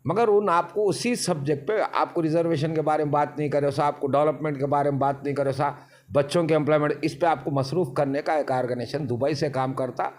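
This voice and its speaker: A man's voice: fairly high pitch, steady tone, brisk. Man, interview guest, emphatic, long winding explanations. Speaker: interview guest, party leader. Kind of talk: casual interview talk.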